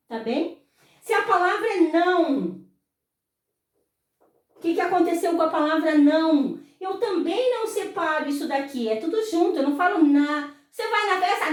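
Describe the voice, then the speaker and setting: A woman teacher with a Brazilian Portuguese accent, explaining slowly, drawing words out and answering her own questions. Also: high voice, a little mellow. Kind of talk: slow explanatory lesson. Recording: very echoey room, voice far from mic.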